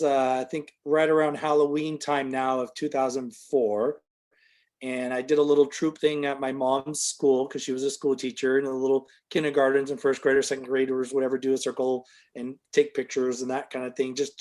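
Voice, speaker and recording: A man's voice: medium pitch, flat delivery, normal speed, darkish tone. A middle-aged man telling a long, casual story as an interview guest, full of fillers, and livelier when he quotes other people.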